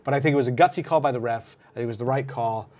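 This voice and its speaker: A man at an average pitch talks through rugby match footage in a loose, chatty way. He hosts the show and breaks up his points with fillers as he goes. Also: rapid-fire, darkish tone. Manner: conversational, filler-heavy recap. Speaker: podcast host. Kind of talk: casual sports chat.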